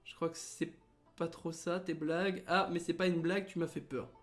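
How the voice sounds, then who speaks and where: A man's voice: fairly high pitch, little pitch movement, moderate pace, faint music behind. A young man hosting a let's play in casual gaming commentary, reading the game text aloud and adding sarcastic, joking asides.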